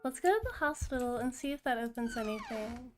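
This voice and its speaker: A woman talks her way through a murder mystery game on stream in a casual, chatty manner, her voice sitting a little high. She reads found notes aloud and cheers when new subscribers arrive. Faint game music plays under her voice. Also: sing-song, brisk.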